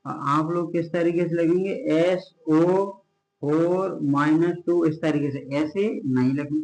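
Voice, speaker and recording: A man teaching a science lesson at a board, asking questions and answering them himself, drawing out the key words slowly. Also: a little high, steady tone, a little mellow. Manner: repeats question-and-answer drills, slows on key terms. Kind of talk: classroom chemistry lecture at a board. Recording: echoey room.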